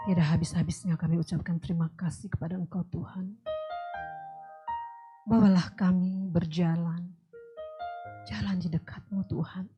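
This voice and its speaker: Woman leading prayer, low voice, slow and fervent, piano behind, muffled sound. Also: steady tone. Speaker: prayer leader. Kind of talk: spoken prayer. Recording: dull muffled recording. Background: piano music.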